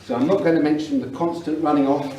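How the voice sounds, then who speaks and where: Middle-aged man, English accent, slightly high-pitched, father-of-the-bride wedding speech, noisy event recording. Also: fairly even intonation, quick pace, warm tone, roomy sound, distant mic. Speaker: father of the bride giving a toast. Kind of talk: wedding speech with humorous anecdotes.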